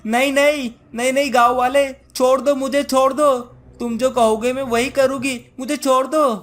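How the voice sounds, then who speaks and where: A man voicing a female witch spirit of the forest, shrill and pleading. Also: steady tone, moderate pace, a bit bright.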